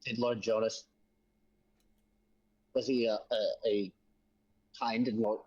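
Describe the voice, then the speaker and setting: A man's voice: on the low side, little pitch movement, takes it slowly, a little mellow, breathy edge, no room sound, muffled recording. A man playing a character in a tabletop game, who hesitates and repeats his words as he describes what he does. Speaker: player.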